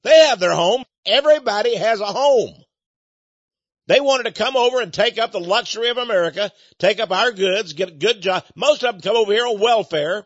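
High-voiced man ranting indignantly. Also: brisk, a bit bright, no echo. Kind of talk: political commentary monologue. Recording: dull, dry lo-fi recording.

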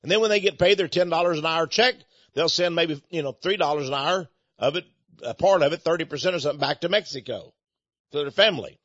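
High-voiced man ranting indignantly. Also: quick pace, fairly bright tone, no echo. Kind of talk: political commentary monologue. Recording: dull, dry lo-fi recording.

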